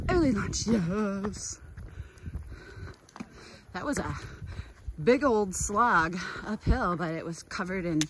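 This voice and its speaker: A woman's voice: fairly high pitch, noisy background. A woman talking casually and playfully to her camera while hiking a mountain trail, cracking little jokes as she goes. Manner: playful, chatty, jokey. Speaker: hiking vlogger.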